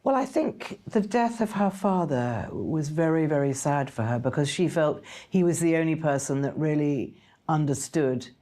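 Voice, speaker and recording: A woman's voice: deep voice, mellow. A woman, speaking as an interviewee in a documentary, conversational and hesitant with restarts. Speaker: interviewee, royal commentator.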